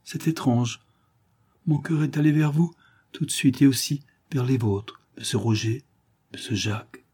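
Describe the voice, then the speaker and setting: Man doing a tender young mother, grief-stricken, soft and raised in pitch. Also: measured pace, slightly rough. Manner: soft, pleading, emotional. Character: grieving gentle young mother, tender and sorrowful.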